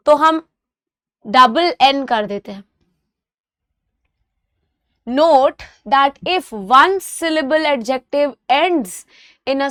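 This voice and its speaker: A woman with an Indian accent teaching a grammar lesson, slow and careful in English and rapid in Hindi, spelling out letters and repeating example words. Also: high-pitched, a bit bright, dry recording, clean studio sound.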